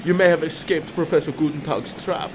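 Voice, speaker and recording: A man's voice: on the high side, a little fast, background noise, lightly acted. A man voicing a pompous, sneering villain in a cartoon game, theatrical and sarcastic. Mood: menacing.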